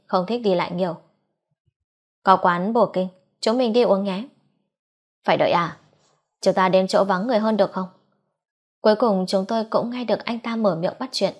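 Woman narrating a romance audiobook. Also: mid-range voice. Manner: reads all characters' dialogue in a near-normal voice. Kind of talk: scripted narration of a romance novel.

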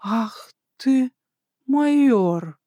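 A narrator voicing a sharp-tongued young woman in an audiobook, mocking and quick to snort at him. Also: high voice, animated, no room sound, pitched above the performer's own voice. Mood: indignant. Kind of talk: audiobook dialogue.

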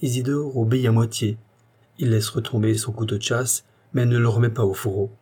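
A man narrating a historical novel as an audiobook, with steady, dramatic storytelling. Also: on the low side, a little fast, breathy edge. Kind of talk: scripted narration.

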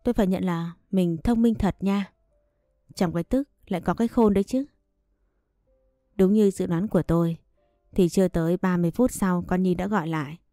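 A woman's voice: on the low side, fairly even intonation, brisk, long pauses, dark tone, no room sound, studio quality, faint music behind. A woman narrating a first-person story and reading every character's lines in one voice. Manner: reads all characters in one voice.

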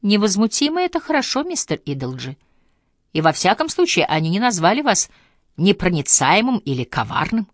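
A woman's voice: mid-range voice, big pitch swings, fairly quick, dry recording, studio quality, pitched above the performer's own voice. A woman reading the part of a genial lawyer who reassures his client with mild humor. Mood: reassuring. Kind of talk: audiobook character voice.

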